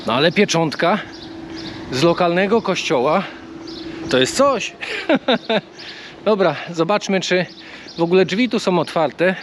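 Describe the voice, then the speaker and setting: A man's voice: high voice, lively intonation, a little slow, long pauses, slight background noise. A young man casually vlogging a pilgrimage walk, chatting and joking with viewers as he wanders outdoors and through a small church. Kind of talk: casual vlog talk to camera.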